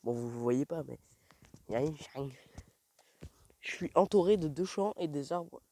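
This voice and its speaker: A young man rambling in slangy, self-mocking talk while walking alone outdoors at night in a dark village, recorded on the phone he carries. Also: a little high, lively intonation, normal speed, a little hiss or hum. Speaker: vlogger. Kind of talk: rambling casual vlog. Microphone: phone held while walking.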